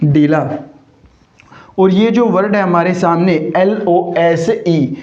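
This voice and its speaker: High-voiced male teacher, echoey room. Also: a little mellow. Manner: asks the class rhetorical questions constantly, addressing them as companions; stretches out spelled words and examples slowly. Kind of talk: classroom vocabulary lesson. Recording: roomy, slightly dull sound.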